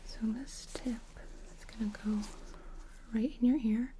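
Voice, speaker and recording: A woman in a whispered role-play as an ear clinician, speaking close as if right in the listener's ear, gently explaining and reassuring. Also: fairly high pitch, steady tone, a little slow, noisy background. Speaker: ASMR performer playing an ear clinician.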